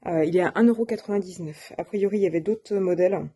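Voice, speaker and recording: A woman's voice: on the low side, fast talker, dark tone, husky. Hesitant woman showing a craft haul. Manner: hesitant, many fillers and self-corrections. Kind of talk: casual show-and-tell.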